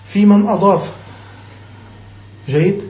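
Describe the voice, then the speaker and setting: A man's voice: high voice, slow pace, a little mellow, echoey room, rough recording. A man, a sheikh, teaching a classical grammar text, reading a passage and then explaining it, often checking whether his students follow.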